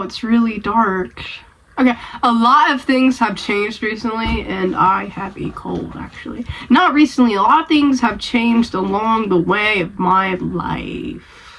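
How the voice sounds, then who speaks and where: A woman's voice: a little high, a bit bright, poor audio. A young woman with a cold, rambling casually and self-deprecatingly in a vlog. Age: young adult. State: has a cold. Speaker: vlogger.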